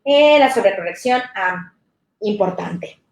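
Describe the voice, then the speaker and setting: A woman speech therapist, explaining to parents in a warm, conversational way with everyday examples. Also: mid-range voice, lively intonation, takes it slowly, reverberant, muffled recording. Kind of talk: talk to parents.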